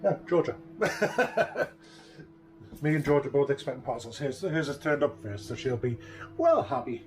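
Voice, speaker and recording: A middle-aged vlogger chats casually in a home video diary from his living room, often trailing off mid-sentence. His medium-pitched voice is sing-song at normal speed, with faint music behind him.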